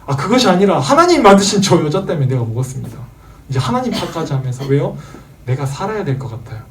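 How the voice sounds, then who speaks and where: Animated man preaching to teenagers. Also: on the high side, fast talker, far from the mic, slight background noise. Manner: animated, acts out quoted voices, asks audience questions. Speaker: youth pastor. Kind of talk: sermon to teenagers.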